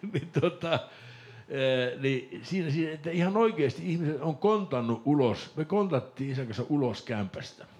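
A man from Lapland telling a lively story on a casual podcast, laughing and mimicking voices along the way. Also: a little high. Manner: animated storyteller, laughs and mimics voices, shouts when excited. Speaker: podcast host.

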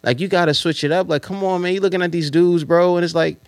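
A man's voice: high-pitched, fairly even intonation, quick pace, no echo. A man hosting a casual podcast chat, talking in slang and driving points home with repeated rhetorical questions. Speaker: podcast host.

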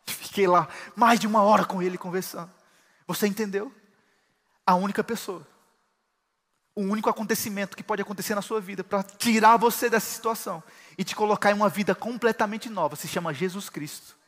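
A man preaching a sermon as pastor, building to shouts of praise. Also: high-pitched, big-room sound.

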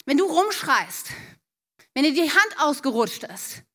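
A middle-aged woman with a high voice gives an earnest church talk on raising children. She talks straight to the parents in the room, direct and heartfelt, as if coaching each one. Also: very animated, measured pace, a bit bright.

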